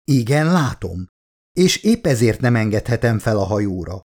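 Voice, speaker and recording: A man voicing a cold, ruthless woman commander who speaks calmly and curtly in an audiobook. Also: lowish voice. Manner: calm, curt and icy.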